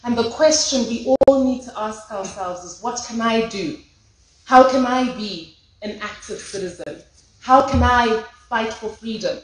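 A woman's voice: fairly high pitch, unhurried. A woman giving an impassioned memorial tribute speech at a podium in a large lecture hall. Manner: impassioned, rhetorical, rising in force. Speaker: memorial speaker. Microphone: podium microphone.

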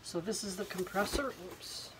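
An older woman in her sixties, slightly hoarse from a cold, talks haltingly and casually through an unboxing, thinking aloud as she goes. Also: medium pitch. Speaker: art vlogger unboxing supplies. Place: indoor home art studio, wood-beamed. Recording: noisy room, clicks and rustling.

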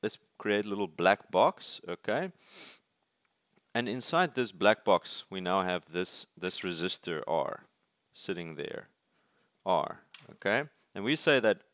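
Male engineering lecturer, very low voice, dry close sound, talking through sketches with frequent restarts and "right?" check-ins. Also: animated, slow pace, a bit bright, dry recording. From South Africa. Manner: thinks aloud, restarts words, asks "right?". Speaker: university lecturer. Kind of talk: explaining while drawing circuits. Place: at a desk, filming paper from above.

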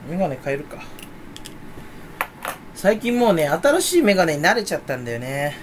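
A young man rambling in casual, rough speech on his own vlog, grumbling with mock indignation. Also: on the high side, sing-song, moderate pace, background noise. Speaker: YouTuber. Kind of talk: casual solo vlog talk.

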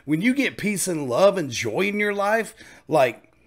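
A man's voice: high voice, very animated, measured pace. Upbeat man hosting a reaction. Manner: enthusiastic, exclaims and chats over the music. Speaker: reaction channel host. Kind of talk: casual reaction commentary. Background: faint music playing.

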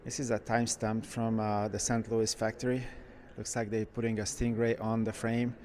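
Low, flat-voiced man touring cars. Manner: enthusiastic, conversational, frequent "uh" pauses. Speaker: car shop owner touring a museum. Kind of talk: casual walk-through commentary. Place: indoor car museum halls.

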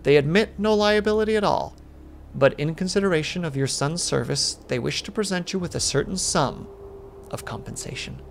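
A man reading aloud and voicing an uneasy company messenger who speaks quietly and stiffly formal. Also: on the high side, normal speed, gravelly, a little hiss or hum, pitched above the performer's own voice. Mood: somber.

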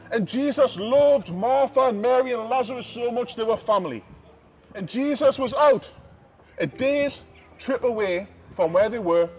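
High-voiced street preacher. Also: male voice, muffled recording. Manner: emphatic, repeats key phrases, shifts between loud and hushed. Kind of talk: open-air street preaching. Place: outdoors on a city street.

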